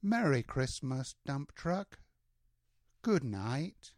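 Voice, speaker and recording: An older man, a grandfather, reads a rhyming children's storybook aloud, measured and expressive, stretching out his words. His voice sits in the mid range, and the studio recording is clean with no room sound.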